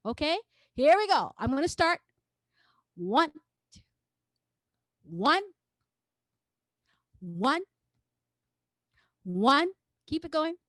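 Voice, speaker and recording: A woman's voice: high-pitched, dry recording, low-quality recording. Playful woman leading a video-call workshop. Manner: energetic, playful, coaxing. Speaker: choral workshop clinician. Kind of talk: interactive online music workshop.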